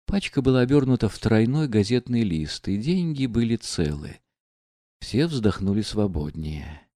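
A man narrates a classic novel in a low, dark, mellow voice, measured and dramatic. The recording is dry and close, with no room sound. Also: lively intonation, no room sound. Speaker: audiobook narrator.

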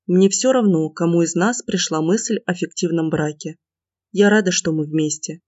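A man reading the part of a tearful, anxious young woman student in an audiobook, in a soft pleading way. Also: a little high, moderate pace, no echo, natural voice. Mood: tender. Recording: dull lo-fi dry recording.

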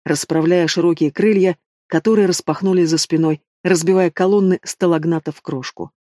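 A man narrating a fantasy novel in the first person, steady and dramatic. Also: a little high, a little fast, dry recording, studio quality. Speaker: audiobook narrator.

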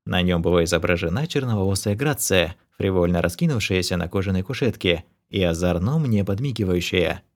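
A man narrating a first-person fantasy audiobook with a wry, expressive delivery. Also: deep voice, fairly quick, few pauses.

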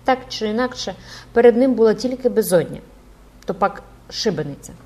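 A woman's voice: medium pitch, lively intonation, a little fast, dark tone. Woman narrating a classic novel. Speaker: audiobook narrator.

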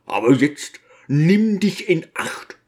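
A burly, hot-tempered deacon blusters and takes offense easily, as a male audiobook reader acts him out. He speaks slowly and his pitch swings widely. His tone stays close to the reader's own. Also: sing-song, darkish tone. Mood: indignant. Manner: blustering, indignant.

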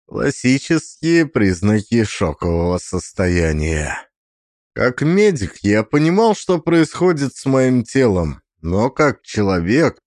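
A man narrates a first-person story in a scripted, measured read. His intonation rises and falls freely, keeping the telling expressive. The recording is dry, with no room sound. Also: lowish voice, dry recording. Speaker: audiobook narrator.

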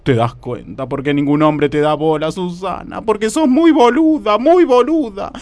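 A man voicing a brash, gossipy middle-aged woman who runs a restaurant, in a Rioplatense Argentine accent, shrill and melodramatic in a radio comedy sketch. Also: normal speed, a little mellow, no room sound, close to an everyday voice.

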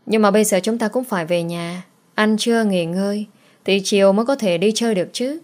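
Woman voicing a gentle grieving young mother. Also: mid-range voice, brisk, close to an everyday voice. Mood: coaxing.

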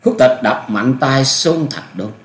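A man narrating a martial arts story with an expressive, dramatic reading. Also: medium pitch, takes it slowly. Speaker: audiobook narrator. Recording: echoey room.

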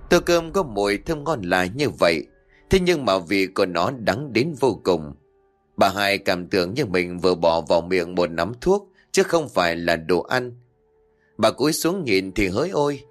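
A male narrator reads a horror tale expressively. His voice is low but swings widely in pitch for drama. Quiet music plays in the background. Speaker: storyteller. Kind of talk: scripted horror audiobook narration.

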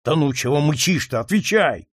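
A man voicing a hot-tempered old nobleman father who shouts and scolds, in a gruff raised voice. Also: a little high, expressive, moderate pace, dry recording, clean studio sound.

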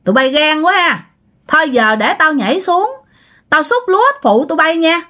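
A shrill, gloating young female ghost with a Southern Vietnamese accent, mocking her victims from a storytelling recording, as a woman narrator puts her on. The voice climbs high above the narrator's own and swings widely. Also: animated, normal speed, pushed and bright. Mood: taunting.

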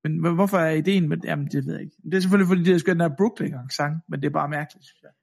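Casting: male podcast co-host from Denmark, higher voice, loose film banter. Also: steady tone, vocal fry. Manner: laughing, mimics accents. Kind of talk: casual film chat.

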